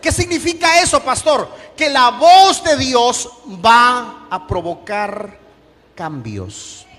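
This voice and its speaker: A man with a Colombian accent, a pastor preaching a sermon with call-and-response and shouted peaks. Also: very high voice, sing-song, takes it slowly. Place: church hall. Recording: echoey church hall with music.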